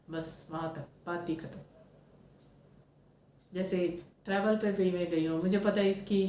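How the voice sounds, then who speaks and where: In an echoey room, a woman in her thirties speaks at a medium pitch, giving an earnest, reflective personal talk as a spiritual speaker. She slips English phrases into her speech, and there is a slight hiss or hum in the background.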